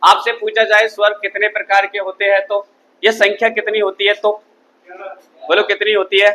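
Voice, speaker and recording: A man's voice: high-pitched, completely flat delivery, moderate pace, sharp tone, poor audio. A man teaching a Hindi grammar class, constantly quizzing his students with call-and-response questions. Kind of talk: classroom lecture.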